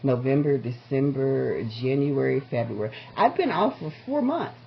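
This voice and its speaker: On a muffled, lo-fi phone recording, a woman calling a medical provider as a patient speaks in a very deep, gravelly voice with lively intonation at normal speed, with a little hiss or hum. She presses her questions insistently and confrontationally, demanding answers and often repeating herself.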